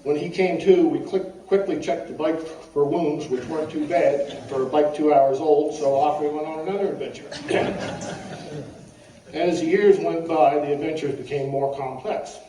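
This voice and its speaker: A mature man delivers a eulogy from notes as a string of folksy, wry stories. His voice is mellow and slightly high for a man. He is heard some way from the mic in a roomy space. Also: fairly even intonation, moderate pace, few pauses. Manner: wry, folksy storytelling, often clearing the throat. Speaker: eulogist at a funeral. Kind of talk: personal eulogy read from notes, with humorous anecdotes. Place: echoey room at a funeral service. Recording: roomy, distant mic with faint background noise.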